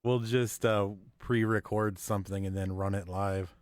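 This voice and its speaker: A man co-hosting a casual live-stream chat, easygoing and quick to laugh, with short replies. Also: on the low side, steady tone, no echo, studio quality.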